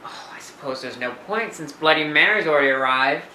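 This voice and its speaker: A man's voice: on the high side, expressive, brisk, sharp tone, far from the mic, a little hiss or hum. An actor playing a sarcastic young man who teases with dry, mocking wit. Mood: teasing. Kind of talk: comedy web series acting. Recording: roomy echo, heard from off the mic.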